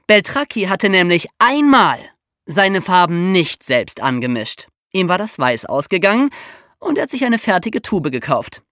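This podcast co-host is a woman explaining true crime to young listeners in a colloquial, storytelling style. She has a medium-pitched, slightly bright voice, captured in dry, studio-quality sound.

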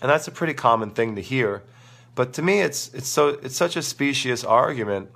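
His mid-range voice has lively intonation, a normal speed and a fairly bright tone, though a sore throat leaves it crackly and gravelly and he is losing it. As a tennis coach on a live stream, he answers viewers in a casual, emphatic and opinionated way.

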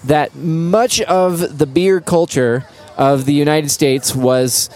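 A man's voice: on the high side, takes it slowly, darkish tone, faint music behind. A man co-hosting a casual podcast, easygoing and wry, with some filler words, recorded live in a brewery. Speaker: podcast co-host. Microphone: single shared microphone.

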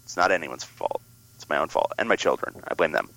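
An American man co-hosting a casual sports podcast, his voice raspy like a smoker's and hoarse from a head cold. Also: very deep voice, expressive, fairly quick, fairly bright tone, no echo, poor audio. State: congested with a worsening cold.

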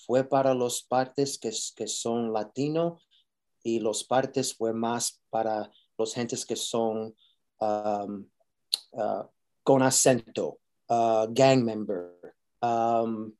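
Halting actor with a mellow low voice. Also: male voice, steady tone. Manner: halting, many restarts, mixes English into his Spanish. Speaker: actor, interview guest. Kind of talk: casual interview. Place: Los Angeles.

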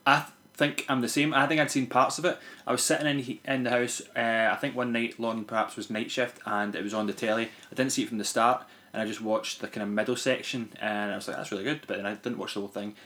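A man's voice: medium pitch, quick pace. A man with a broad Scottish accent chatting casually as a podcast co-host, sweary and jokey as he tells stories. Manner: sweary, jokey, animated storytelling. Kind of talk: casual chat about films.

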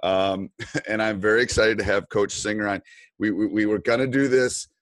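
A middle-aged man with a very low voice hosts a podcast interview at home. He talks in a loose, chatty way full of ums and restarts. The sound is dry and close, with no room echo. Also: steady tone, normal speed. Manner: chatty, with many fillers and restarts. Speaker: podcast host. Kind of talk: casual interview.

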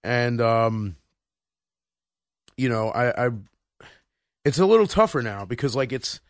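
A man's voice: mid-range voice, very animated, unhurried, no echo, clean studio sound. A man in his thirties co-hosting a podcast in casual chat, rambling with many restarts and fillers. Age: 30s. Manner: rambling, full of restarts and "you know". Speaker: podcast co-host.

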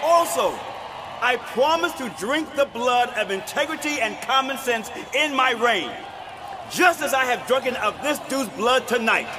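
A pompous bloodthirsty warlord president, shouting really high and strained, noisy crowd all around. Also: male voice, big pitch swings, slow pace, hardly any pauses, long reverb tail, heavily acted. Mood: triumphant, savage. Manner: pompous, ranting. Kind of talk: shouted victory speech. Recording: noisy live rally with roaring crowd.

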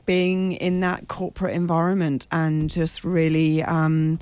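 A woman with a croaky, hoarse frog voice, speaking haltingly as she searches for words in a radio interview. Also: low-pitched, flat delivery, darkish tone, no echo. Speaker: radio show guest. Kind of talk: personal interview conversation.

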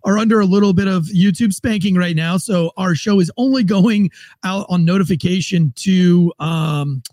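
A man's voice: high-pitched, moderate pace, darkish tone, dry recording. A man in his forties hosting a podcast, rambling and joking irreverently in casual chat. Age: 40s. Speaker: podcast host.

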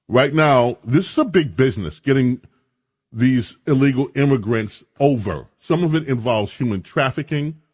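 A man's voice: mid-range voice, no echo. A man hosting talk radio, giving opinionated commentary in a conversational, emphatic way.

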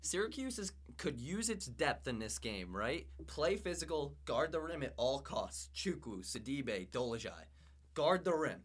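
A man's voice: a little high, sing-song, unhurried, slightly rough. Chatty man talking college basketball. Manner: rambling, thinks out loud, laughs often. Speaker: podcast co-host. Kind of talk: casual sports podcast chat.

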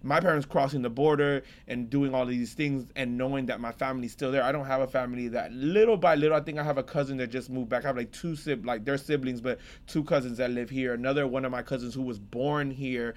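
A man's voice: medium pitch, fast, hardly any pauses. A young American man co-hosting a podcast, telling rambling stories in casual chat. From United States. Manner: rambling, animated storyteller. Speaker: podcast co-host.

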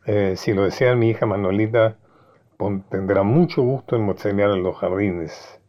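A man performs a scheming older governor who speaks with ceremonious, exaggerated courtesy. The voice sits on the low side, and the recording is dull and lo-fi. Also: moderate pace, warm tone, lightly acted. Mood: courteous.

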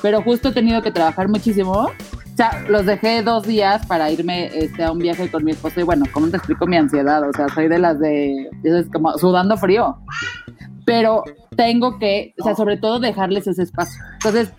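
A woman's voice: on the low side, steady tone, a little fast, over music. A woman in her thirties with a Mexican accent, chatting frankly and casually on a podcast. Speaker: podcast co-host, mother. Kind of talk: casual chat.

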